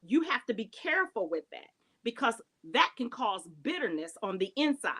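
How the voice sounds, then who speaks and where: Female guest teacher, measured delivery, repeats key points. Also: on the high side, big pitch swings, sharp tone, husky. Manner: deliberate, stresses key points by repeating them. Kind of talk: teaching talk.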